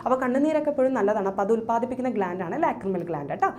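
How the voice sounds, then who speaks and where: A woman teacher with a Malayalam accent runs a lively biology lesson at a fast clip. Her voice sits a little high, and she fires questions and answers them herself. A faint rumble hums under the recording. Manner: quick, call-and-response questioning; code-mixes English terms, repeats key words. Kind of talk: online class lesson. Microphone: drawing on a screen while talking.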